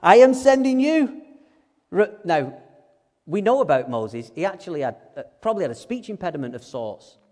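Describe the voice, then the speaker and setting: Male preacher, high voice, chatty and jokey, long hall reverb. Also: very animated, fairly quick, darkish tone. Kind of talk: sermon.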